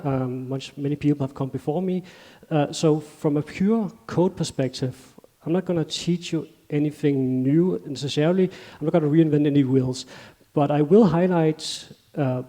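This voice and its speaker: A man from Denmark, speaking with a Danish accent, gives a technical talk on a conference stage in a large hall. His warm voice runs on the high side, and he's conversational, with loose phrasing and self-corrections. Long hall reverb colors the recording.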